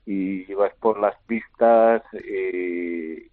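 A middle-aged man, a retired basketball player, answering interview questions by phone in a halting way, repeating words and filling pauses. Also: deep voice, fairly even intonation, no room sound. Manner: halting, repeats words often, many fillers. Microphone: telephone. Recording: tinny phone line.

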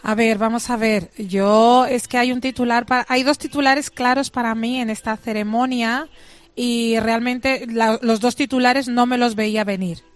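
Woman, film critic, blunt and emphatic, fairly high voice, dry close sound. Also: fairly even intonation, normal speed, dry recording, faint music behind. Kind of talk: radio talk, opinionated commentary.

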